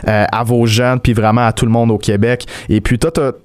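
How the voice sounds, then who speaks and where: A man's voice: mid-range voice, level tone, a little fast, darkish tone, clean tone, no echo. A man with a Québécois French accent hosting an interview, friendly and a bit hesitant with frequent fillers. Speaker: show host.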